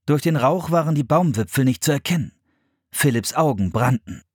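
Brief: male narrator, husky, lively melody, dry close sound. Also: mid-range voice, normal speed, no echo. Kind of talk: audiobook narration.

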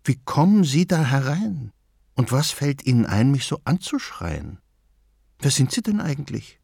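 A man voicing a proper, spirited old grandmother in a children's storybook, speaking up indignantly in a higher, put-on voice. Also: big pitch swings, normal speed, a little mellow, no room sound, studio quality. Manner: indignant scolding. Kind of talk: storybook reading.

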